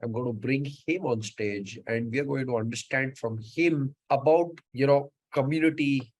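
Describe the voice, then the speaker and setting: A man's voice: mid-range voice, moderate pace, darkish tone, rough recording. A man from Mumbai with an Indian English accent, hosting a live online show in casual chat, full of fillers and words said three times over. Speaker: host.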